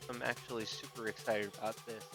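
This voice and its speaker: A man's voice: on the low side, flat delivery, fairly quick, music in the background. A man streaming, chatting casually and rambling with lots of fillers.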